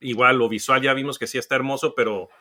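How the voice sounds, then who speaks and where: A man giving his opinion as a podcast co-host, relaxed and trailing off with fillers. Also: mid-range voice, quick pace. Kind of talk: casual chat.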